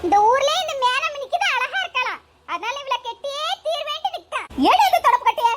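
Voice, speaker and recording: A woman voicing a loud, scolding older village mother-in-law, wailing and shrill, in a comedy sketch. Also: expressive, brisk, faint music behind. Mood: indignant. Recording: loud background noise.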